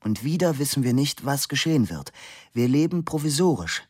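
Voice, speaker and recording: A man's voice: mid-range voice, sing-song, moderate pace, a little mellow, breathy edge, no room sound, studio quality, pitched above the performer's own voice. A man reading an audiobook voices a disillusioned young man speaking with wry resignation. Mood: resigned.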